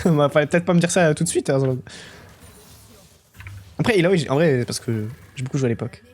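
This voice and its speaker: A man's voice: on the high side, a little fast. Chatty young man streaming a game. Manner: chatty, swears casually, excited outbursts. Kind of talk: casual live-stream commentary while gaming.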